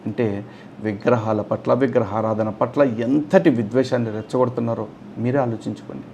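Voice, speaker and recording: A man's voice: medium pitch, fairly even intonation, brisk, warm tone, a little hiss or hum. A man commentating on testimony clips, scornful and mocking, often throwing insults. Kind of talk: angry reaction commentary.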